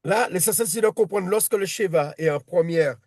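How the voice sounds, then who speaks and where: High-voiced man teaching patiently. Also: brisk, a little mellow, no room sound, studio quality. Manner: patient, repeats himself, many restarts. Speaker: Hebrew reading teacher. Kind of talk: one-on-one lesson.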